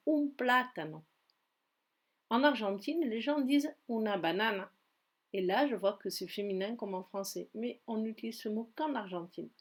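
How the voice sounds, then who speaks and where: A woman with a Spanish accent, a teacher walking students step by step through an online dictionary in a screen-recorded tutorial. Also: on the high side. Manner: step-by-step, patient explaining.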